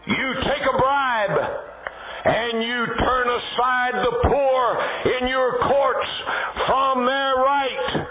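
A man preaches through a megaphone in a very high, strained voice. He declaims slowly and fervently, stretching out his phrases. The old recording rings with echo and carries loud background noise. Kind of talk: fire-and-brimstone sermon.

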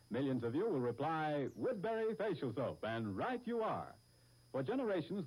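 A man's voice: fairly high pitch, darkish tone, slightly rough, low-quality recording. A man announcing in old 1940s radio style, reading sponsor copy in a polished, formal sales delivery. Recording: vintage radio broadcast recording.

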